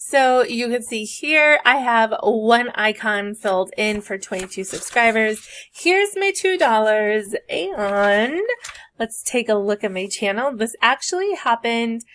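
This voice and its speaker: A woman's voice: on the high side, lively intonation, unhurried, a bit bright, a little hiss or hum. Chatty woman budgeting vlogger. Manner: chatty, rambling, thinks aloud. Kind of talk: casual chat while doing savings challenges.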